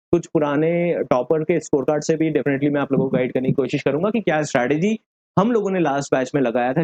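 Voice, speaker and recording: Man giving a brisk study-plan talk. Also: on the high side, a little mellow, no echo, lo-fi sound. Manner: direct, mixes English phrases into Hindi, frequent "है ना" tag. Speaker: exam coaching teacher.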